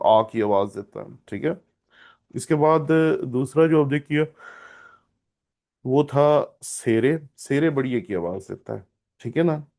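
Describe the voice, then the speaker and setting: Slow gravelly older man teaching Hebrew. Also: medium pitch, warm tone. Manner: slow, drawn-out teaching, reciting letter sounds with frequent "theek hai na". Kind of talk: classroom lesson.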